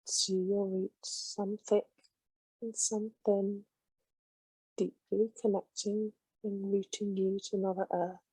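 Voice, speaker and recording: In a slow, calming meditation, a woman guides listeners with a medium-pitched voice that's mellow and slightly breathy. She keeps a level tone with little rise and fall. The sound is close, dry, and roughly recorded.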